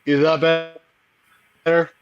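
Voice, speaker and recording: A man's voice: on the high side, level tone, slow, lo-fi sound, soft background music. Man sounding like he's inside a well. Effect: sounds far away, as if inside a well. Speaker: remote guest on a call. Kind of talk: casual chat. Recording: distant hollow call audio.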